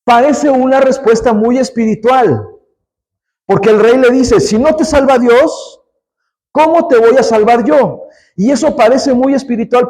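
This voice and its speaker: High-voiced pastor preaching. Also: male voice, rough recording. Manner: emphatic preaching, rising loud on key lines; conversational asides to the congregation. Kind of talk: sermon.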